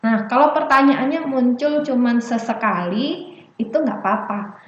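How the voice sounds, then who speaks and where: Casting note: woman presenter, fairly high voice, chatty seminar delivery, echoey dull video-call audio. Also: measured pace. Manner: chatty, often ends points with "gitu". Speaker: speech development presenter. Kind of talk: online parenting seminar talk.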